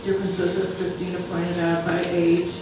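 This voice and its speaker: A person presenting data at a public health meeting in a large, very echoey room, picked up from far across the space. The voice stays flat and level, with frequent halts and restarts. Steady background noise sits under it. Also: mid-range voice. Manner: halting, many restarts.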